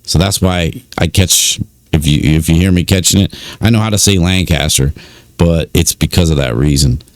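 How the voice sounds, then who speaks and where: A low-voiced man talks his way through prison records in a relaxed commentary. He speaks informally, with frequent fillers and asides. The recording is dry and close. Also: normal speed, dry recording. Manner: conversational, many fillers, informal phrasing. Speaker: YouTube commentator on prison news. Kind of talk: casual commentary reading records.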